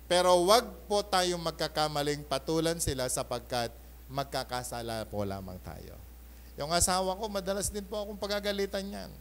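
A male pastor preaching a Sunday sermon in mixed Tagalog and English, animated, often calling for an amen and shifting between loud bursts and soft asides. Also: a little high, moderate pace, slight background noise. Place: church.

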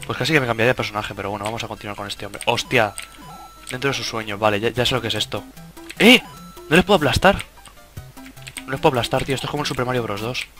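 Talking fast but pausing often, this young man's mid-range voice sounds pushed and bright, with a Spain Spanish accent. He's a gaming YouTuber doing relaxed let's play commentary over game music, swearing and breaking off his own sentences.

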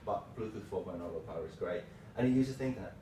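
A man in his thirties giving an informal tech lightning talk in short, halting phrases. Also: low voice, lively intonation, warm tone. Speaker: tech presenter, developer. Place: small meeting room, indoors. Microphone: far camera microphone. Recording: roomy, distant mic with clear background noise.

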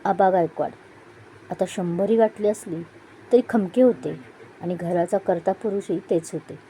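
A woman narrating a family audio story in a steady storytelling manner. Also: mid-range voice, slight background noise, poor audio.

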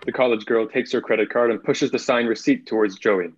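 A young man reads screenplay stage directions aloud as narrator over a video call from an indoor room. His mid-range, slightly rough voice moves fairly quickly, and the computer mic leaves the audio muffled.

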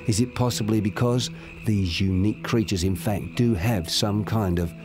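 A man narrates a nature documentary in a low register. His delivery is scripted and measured, like someone telling a story as he explains, with music clearly playing underneath.

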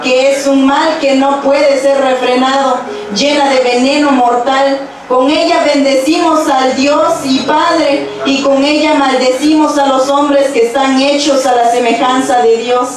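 A young woman preaching a sermon at a church pulpit with a handheld mic, reading scripture verses aloud in a steady, measured way. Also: high-pitched, noisy background. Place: church stage with pulpit and instruments. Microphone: handheld microphone. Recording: very echoey church hall, from far off.

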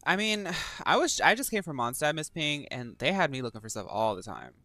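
A woman's voice: low voice, very animated, a little fast, bright, forceful tone, no echo. A woman giving casual, theatrical game commentary, full of playful jokey asides. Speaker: game streamer. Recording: game music behind the voice.

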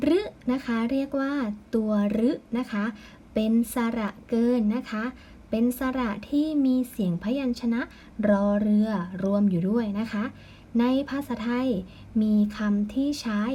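A woman teacher giving a patient, slow recorded lesson, ending her phrases with polite particles. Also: on the high side, dark tone, a little hiss or hum.

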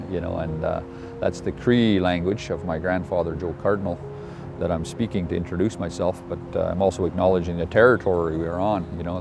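A deep-voiced man sits on the grass outdoors and talks through his thoughts slowly, often stopping to gather them. A clear music bed runs under his voice. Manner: slow, thoughtful, many pauses. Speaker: interviewee. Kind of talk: reflective interview talk. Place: park lawn, outdoors.

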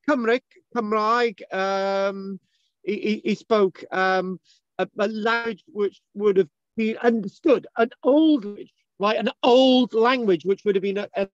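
A man with a high-pitched voice hosts a casual discussion on a video call, English being his first language. He rambles, restarts a lot, uses plenty of fillers and asks "right?" again and again. The recording is dry, with dull, lo-fi video-call sound.

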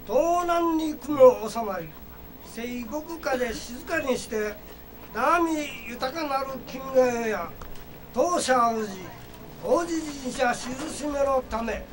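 A man intones a formal ceremonial proclamation, stretching each phrase out in a chant. His voice rides very high and the delivery is unhurried and stately. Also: low-quality recording. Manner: drawn-out formal chanting declamation. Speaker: ceremonial announcer.

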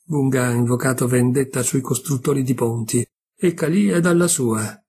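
A man's voice: medium pitch, moderate pace, darkish tone, husky. A man reading aloud as an eager, loyal parrot in a storybook tale. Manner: eager, shrieking.

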